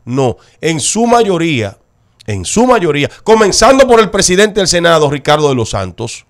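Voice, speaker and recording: A man's voice: on the high side, big pitch swings, moderate pace. A Dominican man co-hosting a talk show, giving his opinion emphatically and repeating points for stress. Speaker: show co-host.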